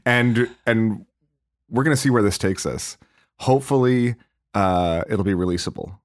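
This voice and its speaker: A low-voiced man with a Californian accent hosts a church podcast as its pastor. He rambles and circles back on himself, with restarts and filler words. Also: normal speed. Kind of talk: casual chat.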